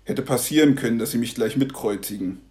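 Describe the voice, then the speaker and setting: A man voicing a gentle, thoughtful old grandfather who speaks calmly and reflectively. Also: medium pitch, brisk, natural voice. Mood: storytelling. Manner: calm, reflective.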